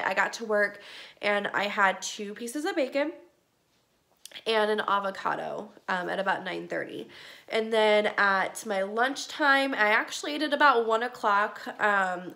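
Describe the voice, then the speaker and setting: Young woman, bright voice, stuffy nose from a cold, rambling casual vlog, lots of ums, phone in home kitchen. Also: mid-range voice. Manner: chatty, rambling with many ums. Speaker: vlogger.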